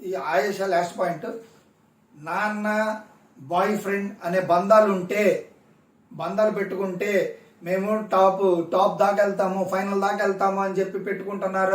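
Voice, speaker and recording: High-voiced man, echoey room. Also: steady tone, moderate pace, recorded from a distance. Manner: emphatic, repeats points for stress. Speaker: reality-show reviewer. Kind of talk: casual recap commentary.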